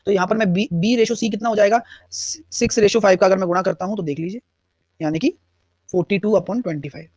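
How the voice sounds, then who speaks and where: A man's voice: sits high, fast talker, a little mellow, dry recording. Hindi-speaking male teacher, live math class. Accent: Hindi-English mix. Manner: explains step by step, answers chat questions.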